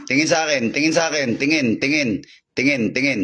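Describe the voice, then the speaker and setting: A man's voice: medium pitch, sharp tone, husky. A man from the Philippines leading a healing session over a call, repeating short commands in a chanting rhythm and droning through Latin prayers. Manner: recites Latin prayers in a rapid drone. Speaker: faith healer.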